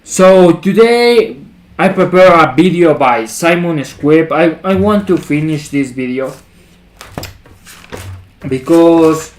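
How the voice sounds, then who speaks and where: A man with a fairly high voice hosts a casual livestream at an unhurried, slow pace. He talks in hype gym-bro style, repeating short phrases and leaning on bro-speak. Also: expressive. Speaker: livestream host.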